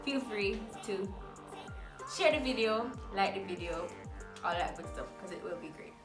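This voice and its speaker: A woman's voice: mid-range voice, expressive, normal speed. A woman with a Jamaican accent hosting a casual couple's quiz vlog. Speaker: vlog host. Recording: echoey, distant mic, music behind.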